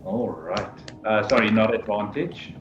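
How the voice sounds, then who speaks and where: A man's voice: lowish voice, measured pace. A man talking casually as a player in a tabletop role-playing game. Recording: echoey room, dull lo-fi mic, faint noise.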